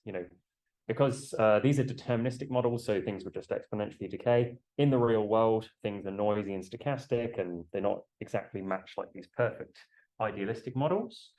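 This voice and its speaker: Low-voiced male lecturer speaking through a face mask. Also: darkish tone, low-quality recording. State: has a cold. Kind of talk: classroom lecture with questions to students. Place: classroom.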